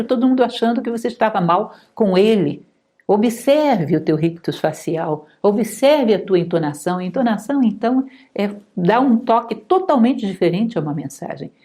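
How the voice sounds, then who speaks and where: A middle-aged woman with a Brazilian Portuguese accent, giving a calm, measured philosophy lecture. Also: fairly high pitch. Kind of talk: spoken lecture.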